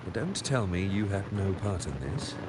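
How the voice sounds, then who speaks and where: A man's voice: deep voice, normal speed, heavy background noise, close to an everyday voice. An actor playing a shrewd male manager making a deal, blunt and businesslike. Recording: game audio with music behind.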